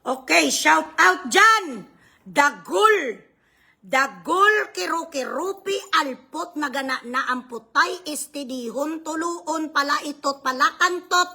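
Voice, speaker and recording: A woman on a livestream, launching into a profane, insulting tirade and at times shouting. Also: high voice, expressive, slow pace. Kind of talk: angry livestream rant.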